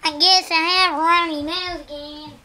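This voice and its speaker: A child play-acting a silly skit with toys, loud and shouting at times. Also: very high voice, fairly even intonation, a little slow, far from the mic. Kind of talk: excited toy play-acting. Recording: noisy home video recording.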